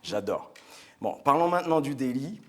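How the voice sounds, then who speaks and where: A man of ordinary, mid-range pitch speaks earnestly in a TV studio. His delivery is chatty and enthusiastic, full of small fillers and restarts. He sounds like a guest sharing personal testimony. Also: expressive, normal speed. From French Guiana. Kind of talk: product presentation on a live show.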